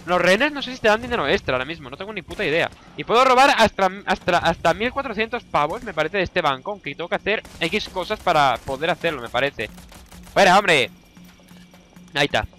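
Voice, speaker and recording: A young man with a Spanish accent from Spain, giving let's play commentary, excitable and shouting orders at his teammates while swearing constantly. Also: sits high, fast talker, hardly any pauses. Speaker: gaming YouTuber.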